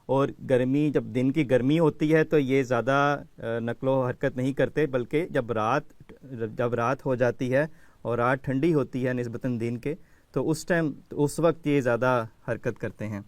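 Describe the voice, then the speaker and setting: Man, children's show host, teaching quiz, patient, clear resonant voice, dry close sound. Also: mid-range voice, no room sound. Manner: patient, calls on children by name.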